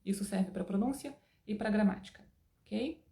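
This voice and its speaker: Brazilian woman, online English teacher, mid-pitched and mellow, patient explainer with opinionated asides, roomy sound. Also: moderate pace, gravelly. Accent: Brazilian Portuguese. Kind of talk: online language lesson.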